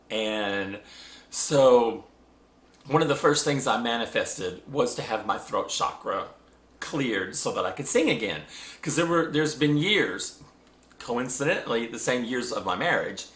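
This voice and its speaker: Man, spiritual vlogger, animated storytelling, bright tone, roomy echo. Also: medium pitch. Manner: animated, laughs often, many fillers and restarts. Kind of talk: casual storytelling monologue.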